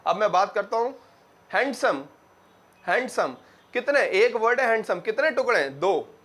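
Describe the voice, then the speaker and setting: A young man teaching grammar to a class, asking questions and answering them himself, and repeating words slowly to drill them. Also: high voice, sing-song, a bit bright. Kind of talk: classroom lecture.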